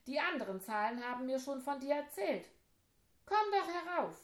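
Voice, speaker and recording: A woman's voice: sits high, sing-song, normal speed, reverberant, pitched above the performer's own voice. A woman voicing a friendly female number who lives in a tower in a children's story, calling out cheerfully.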